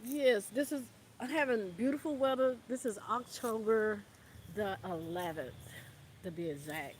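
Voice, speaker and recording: A woman's voice: a little high, measured pace. A woman talking casually on a livestream outdoors in the wind, rambling and repeating "you know what I'm saying" while calling listeners "baby". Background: light wind.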